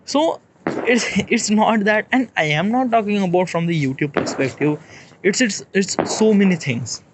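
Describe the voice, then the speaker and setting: A man in his late twenties with an Indian English accent, thinking aloud in a rambling, halting monologue and checking in with "okay?" as he goes. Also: high-pitched, lively intonation, background noise. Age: 20s. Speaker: vlogger. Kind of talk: casual reflective monologue.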